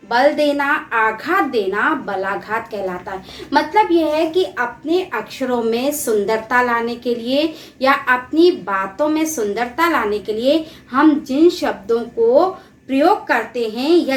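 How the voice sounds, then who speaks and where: Young woman, school teacher: patient, unhurried explanations, echoey room. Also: high-pitched. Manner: patient, explains step by step, repeats key terms. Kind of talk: recorded grammar lesson.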